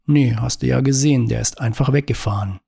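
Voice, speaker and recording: A man's voice: medium pitch, a little fast, gravelly, dark tone, breathy edge. A man reading an audiobook and voicing a laid-back young driver who answers in a dry, offhand way.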